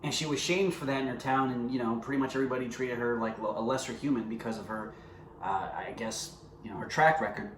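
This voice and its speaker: A man talks earnestly to camera about his own faith and speaks straight to his viewers in a conversational way. His voice sits in a middle pitch and carries a roomy echo. A faint ambient noise sits underneath. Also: fast talker. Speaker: vlogger sharing his faith. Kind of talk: personal testimony to camera.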